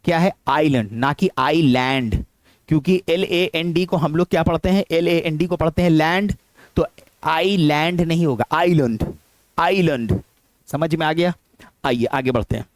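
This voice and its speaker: Indian man teaching pronunciation, higher voice. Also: a little mellow, no echo. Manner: explanatory, repeats words slowly for drills. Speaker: English teacher. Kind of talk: classroom-style pronunciation lesson.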